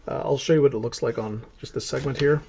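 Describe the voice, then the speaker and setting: A man's voice: mid-range voice, fast, creaky, dark tone, slight background noise. A man with a Canadian accent hosting a live cooking stream, explaining casually as he chops and preps. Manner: casual, chatty, explains as he works. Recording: dull lo-fi stream audio.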